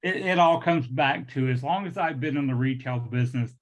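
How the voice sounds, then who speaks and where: A man's voice: medium pitch, a little fast. A man in his late fifties speaks firmly and meanderingly at a public meeting, with slightly awkward articulation from new dental implants. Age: late 50s. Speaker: liquor store owner addressing a public meeting. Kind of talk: earnest unscripted remarks at a public meeting. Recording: dull, muffled lo-fi meeting audio.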